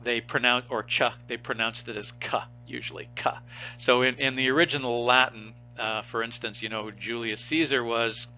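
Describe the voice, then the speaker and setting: A man's voice: mid-range voice, flat delivery, fairly quick, few pauses, bright, forceful tone, dull audio. A man teaching a biology class, explaining step by step and asking his students rhetorical questions as he goes. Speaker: biology instructor. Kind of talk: recorded lecture.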